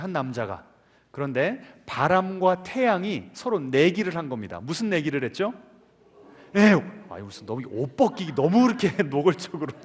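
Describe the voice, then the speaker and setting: Pastor guy preaching sunday sermon, highish voice, keeps quizzing the church, lots of echo. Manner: lively, keeps asking the congregation questions. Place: church sanctuary. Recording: long reverb of a church hall.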